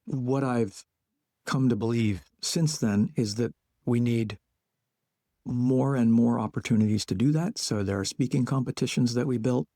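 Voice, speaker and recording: Gravelly man reflecting in measured phrases. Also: mid-range voice, mellow, dry recording, clean studio sound. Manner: thinks aloud in short measured phrases. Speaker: guest, playwright and educator. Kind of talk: reflective conversational interview.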